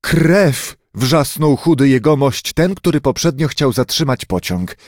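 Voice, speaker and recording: A man reading a children's storybook aloud, expressive and unhurried. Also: medium pitch, no echo, clean studio sound. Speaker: narrator.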